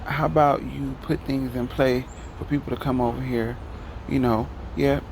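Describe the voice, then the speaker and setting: Talking to the camera, a male vlogger from Detroit, Michigan airs his views in a heated, meandering rant with his local accent. His mid-range voice comes out flat at a normal speed over a noisy background.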